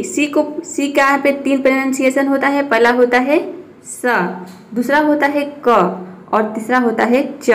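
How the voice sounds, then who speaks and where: This teacher, whose voice is high, leads a spoken English class by asking questions and supplying the answers on her own. Each example word gets spelled out at a slower pace.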